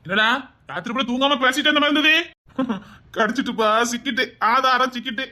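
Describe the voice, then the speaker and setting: A man's voice: extremely high pitch, fairly quick, sharp tone, exaggerated voice. An actor voices a greedy middle-aged plotter in a Tamil web drama. He gloats and breaks into laughter as he schemes, with a Tirunelveli accent. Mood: gloating. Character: greedy older male schemer, cackling and crafty.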